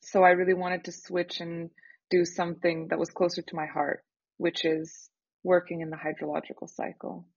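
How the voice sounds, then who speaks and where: Young woman, earnest startup founder type, husky timbre, dry dull studio recording. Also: fairly low pitch, no echo. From Canada. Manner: earnest, lively, with filler pauses. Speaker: startup founder, podcast guest. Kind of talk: casual interview talk.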